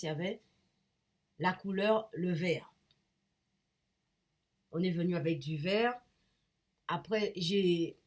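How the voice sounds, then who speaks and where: Her voice is fairly low, darkish and slightly rough, and she has a cold as she chats casually with her viewers. This painter and vlogger rambles, often hesitating, starting sentences over and reaching for the right words.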